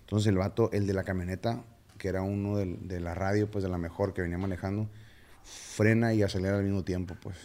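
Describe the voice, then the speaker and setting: Gravelly low-voiced Mexican man. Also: fairly even intonation, warm tone. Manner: slangy, halting retelling with many fillers. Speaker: podcast guest. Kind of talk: casual interview storytelling.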